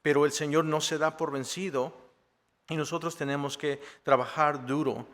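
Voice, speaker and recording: A man preaching a Spanish sermon in a friendly, joking way, with a slightly high voice and a long church-hall echo. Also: steady tone, normal speed, fairly bright tone. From Mexico. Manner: conversational, joking asides with rhetorical "¿verdad?". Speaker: assistant pastor. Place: church sanctuary.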